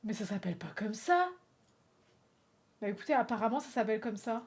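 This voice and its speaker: A woman's voice: on the high side, animated, brisk. A woman streamer chatting playfully with her viewers while drawing in a game, often exclaiming aloud.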